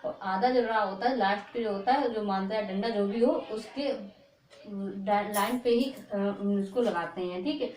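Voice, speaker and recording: A woman teaching a reading lesson, stretching out each word slowly and checking in with "okay" after each one. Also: medium pitch, a little mellow, slight background noise. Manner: slow, drawn-out repetition of words, frequent "ok" checks. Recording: echoey room.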